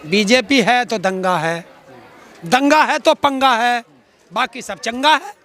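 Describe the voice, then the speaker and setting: Taking it slowly, a middle-aged man with a very high, sharp voice answers an outdoor street interview in a public place. The farmer activist from Uttar Pradesh, India, is combative and sarcastic, piling on rhetorical challenges. A crowd is faintly heard in the background.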